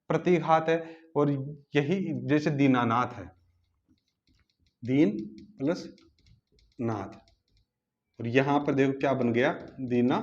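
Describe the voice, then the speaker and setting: A man's voice: medium pitch, highs cut off. Man teaching grammar step by step. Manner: asks the class rhetorical questions then answers; spells words out slowly, part by part. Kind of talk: online grammar lesson.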